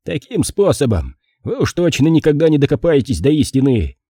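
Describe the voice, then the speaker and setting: Man putting on a heavy fed-up police chief, raised-up pitch, scolding, kinda husky. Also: wildly swooping pitch, a little slow, mellow, no echo, studio quality, full character voice. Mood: exasperated. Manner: exasperated, scolding. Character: heavyset male police chief, gruff peacemaker.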